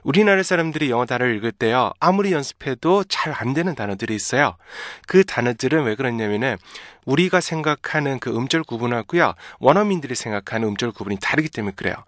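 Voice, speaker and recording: A man teaching English pronunciation, explaining patiently and slowly drawing out example words, often checking in with the listener. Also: mid-range voice, lively intonation, fairly bright tone, dry recording, clean studio sound. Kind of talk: pronunciation lesson.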